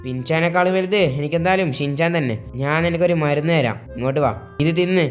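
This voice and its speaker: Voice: mid-range voice, fast, soft background music, close to an everyday voice. A performer voicing a protective older-brother gang boss in a game role-play, talking in a firm, reassuring way.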